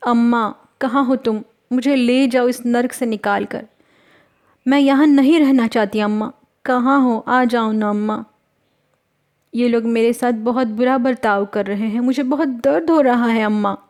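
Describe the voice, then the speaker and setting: A woman's voice: steady tone, a little slow, darkish tone. A woman voicing a terrified young temple girl begging for mercy. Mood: crying out. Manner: begging, tearful and high.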